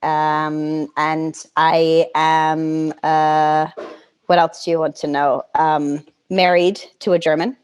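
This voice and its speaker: Female interview guest, thirties, easygoing and halting, somewhat low voice. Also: clear, resonant tone. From Connecticut, United States. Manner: relaxed, hesitant, many fillers. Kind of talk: casual interview answers.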